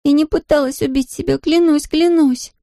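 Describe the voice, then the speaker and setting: A narrator voicing a distraught young daughter who pleads in a high, shaky, tearful voice. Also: steady tone, moderate pace, mellow, no echo, clean studio sound. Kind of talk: audiobook character voice.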